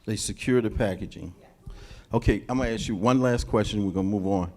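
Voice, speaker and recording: A man with a very deep voice steers a community question-and-answer session, prompting the guest with leading questions. A faint hiss of noise sits under his voice. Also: brisk, darkish tone. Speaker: moderator. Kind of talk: moderating a community Q&A.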